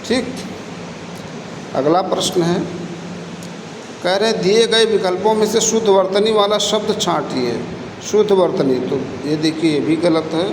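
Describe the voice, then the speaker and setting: A man teaching a spelling lesson for exam prep, slowly repeating each answer and checking in with the class. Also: high voice, background noise. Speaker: Hindi teacher. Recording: echoey room, faint ambience.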